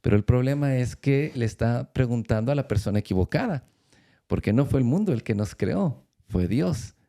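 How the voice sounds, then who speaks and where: A man giving a faith-based talk, telling a story with frequent pauses, fillers and restarts. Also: mid-range voice, expressive, mellow. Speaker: church speaker.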